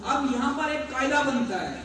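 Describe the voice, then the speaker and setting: A male teacher with a Pakistani Urdu accent, spelling out letters, chanting verses slowly and quizzing pupils by name in a classroom lesson. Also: very high voice, animated, a crowd in the background. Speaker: Quran recitation teacher. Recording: echoey distant room with noise.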